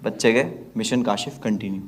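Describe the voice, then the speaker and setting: A man's voice: fairly low pitch, a little fast. A man performing stand-up comedy on stage, telling a story and acting out his friends' lines in shifting voices. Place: comedy stage before a live audience. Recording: live show with loud audience laughter and noise.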